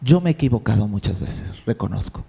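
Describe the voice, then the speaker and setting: A male pastor preaching a sermon in a lively, conversational way, with jokes and rhetorical questions. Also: fairly low pitch, a little fast, vocal fry, breathy edge.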